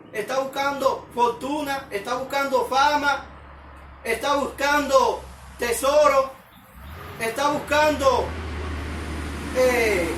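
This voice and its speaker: A man's voice: extremely high pitch, sharp tone, slight background noise. A man preaching a sermon, asking the listeners one question after another. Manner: asks the listeners many questions. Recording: echoey room, mic at a distance.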